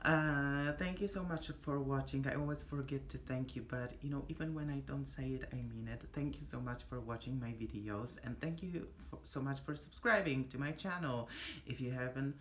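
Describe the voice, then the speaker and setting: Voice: mid-range voice, normal speed, a little hiss or hum. A young adult vlogger from Poland with a Polish accent, chatting casually and ramblingly to a phone camera in a small room. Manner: rambling, chatty, self-interrupting. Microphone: phone camera at arm's length.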